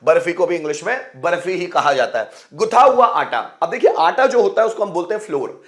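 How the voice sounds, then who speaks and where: A man's voice: sits high, expressive, fairly quick, a bit bright. A man teaching English food words in a bilingual lesson, repeating each term with a quiz-style question and spelling words out letter by letter. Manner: addresses viewers as friends and brother.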